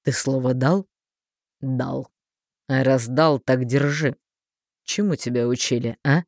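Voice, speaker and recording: A woman voicing a calm, sardonic man in an audiobook, speaking in a low, dry, mocking tone. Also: moderate pace, dry recording. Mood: smug.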